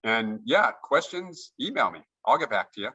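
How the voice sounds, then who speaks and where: A man's voice: medium pitch, very animated, normal speed, bright, forceful tone, slightly rough, lo-fi sound. A man chatting keenly as a guest over a video call, often restarting his sentences. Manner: enthusiastic, with frequent restarts. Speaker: guest note investor. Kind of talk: casual interview chat.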